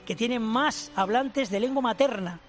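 High-voiced older professor explaining. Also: male voice, measured pace. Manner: emphatic, explanatory, addresses host formally. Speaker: language professor and author. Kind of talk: radio interview guest.

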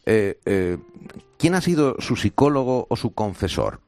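A man's voice: fairly low pitch, big pitch swings, measured pace, darkish tone, soft background music. A man interviewing a guest on the radio, asking questions courteously and playfully.

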